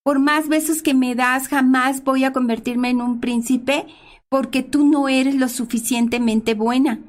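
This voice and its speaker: A woman's voice: sits high, steady tone, measured pace. A woman voicing a rude, manipulative male frog in a told fairy tale, with a scornful, bossy manner.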